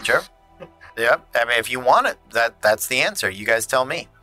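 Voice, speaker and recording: A man's voice: medium pitch, expressive, moderate pace, bright, forceful tone, faint music behind. A man narrating a tabletop game as game master, easygoing and full of restarts. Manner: loose, easygoing, many restarts.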